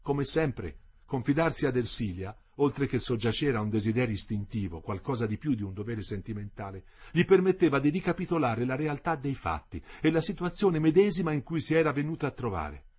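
A man narrating a novel aloud in a steady literary reading, voicing the dialogue as he goes. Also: mid-range voice, fairly quick, few pauses, slightly rough.

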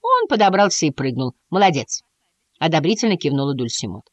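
Woman reading a storybook, lively pitch. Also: quick pace, dry recording. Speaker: audiobook narrator. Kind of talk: storybook narration.

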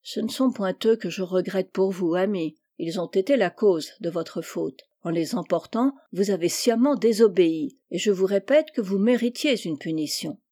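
A woman reading aloud, voicing a stern and wise middle-aged mother who admonishes in a measured, firm way. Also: medium pitch, warm tone, lightly acted.

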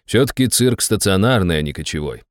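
A man narrating an audiobook in the first person, calm and dry. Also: low-pitched, brisk, no echo.

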